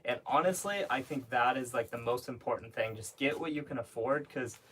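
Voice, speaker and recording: A man's voice: medium pitch, a little fast, a bit bright, recorded from a distance, a little hiss or hum, poor audio. Chatty young man, a bit off-mic. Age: 20s. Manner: chatty, upbeat, laughs easily. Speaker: guest. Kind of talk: casual chat.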